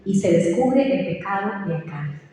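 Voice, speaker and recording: A woman pastor preaching a sermon, telling stories in an animated way. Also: on the low side, normal speed, a little hiss or hum. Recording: echoey hall from far off, dull.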